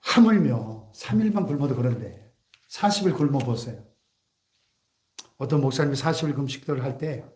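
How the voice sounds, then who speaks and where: A man's voice: on the high side, darkish tone. A male pastor preaching a sermon in a church, emphatic, with rhetorical questions and humorous asides. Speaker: senior pastor. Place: church sanctuary. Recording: echoey church hall.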